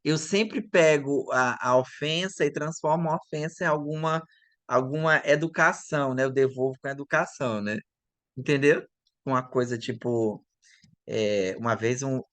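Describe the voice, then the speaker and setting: Male guest from Maranhão, anecdotal and chatty, dry close sound, middle pitch. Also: dry recording. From Maranhão, northeastern Brazil. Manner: lively, chatty, frequent tag questions. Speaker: interview guest. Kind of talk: casual anecdotal storytelling.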